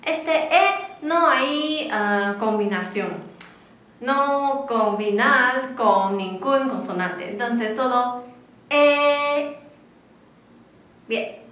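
Woman drilling syllables real slow, bright high voice. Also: animated. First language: Mandarin Chinese. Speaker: Chinese teacher. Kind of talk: slow beginner language lesson. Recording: roomy echo.

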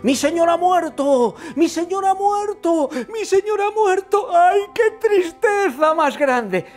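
A man's voice: extremely high pitch, expressive, measured pace, faint music behind, pitched above the performer's own voice. A man playing a timid, obsequious servant who whines and laments to his lord. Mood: wailing.

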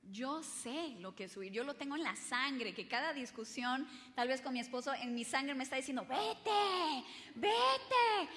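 Woman, conference speaker, bright tone, animated, audience questions, reverberant hall. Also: sits high, normal speed, hardly any pauses. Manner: animated, acts out quoted voices, asks audience questions. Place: large hall before an audience.

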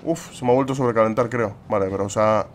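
Excitable young gamer. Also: male voice, lowish voice, quick pace, slight background noise. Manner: excitable, swears and exclaims often. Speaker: gaming YouTuber. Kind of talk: let's play commentary.

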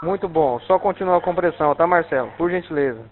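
Over a thin, narrow telephone line, a Brazilian man with a fairly high voice works as an emergency dispatcher. He gives firm, reassuring instructions and repeats them step by step. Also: fast. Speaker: emergency medical dispatcher on a call. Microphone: telephone call.

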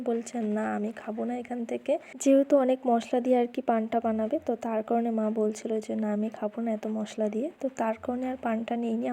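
A woman's voice: on the high side, mellow. A young woman from West Bengal, India, chatting casually as a vlogger while she walks around an outdoor food fair, repeating easy fillers as she goes. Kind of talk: casual vlog narration.

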